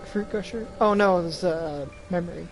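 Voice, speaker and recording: A man's voice: sits high, moderate pace, slight background noise. A man casually chatting as he streams a role-playing game, rambling with many restarts.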